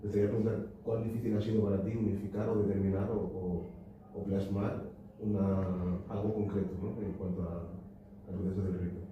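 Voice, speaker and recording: A man's voice: low voice, level tone, a little fast, noisy background. A young man in the audience asking a long, hesitant question at a book talk, full of fillers and tag questions. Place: lecture hall at a cultural society. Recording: echoey hall, distant and dull.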